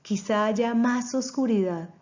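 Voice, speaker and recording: A woman's voice: on the high side, measured pace, a little mellow, highs cut off. A woman teaching a seminary class on church history, speaking earnestly with a preaching tone. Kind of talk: recorded class introduction.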